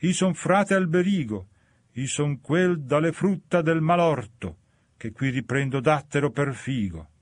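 Man doing a frozen damned soul, higher, pleading, urgent, dry sound. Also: expressive, a little slow, no room sound. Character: tormented male damned soul frozen in ice. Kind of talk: dramatic verse recitation.

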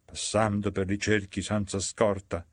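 A stern old spirit guide recites in measured, solemn verse, voiced by a man. His voice sits low and steady. The sound is dry and close, with no room around it. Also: dry recording. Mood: resolute.

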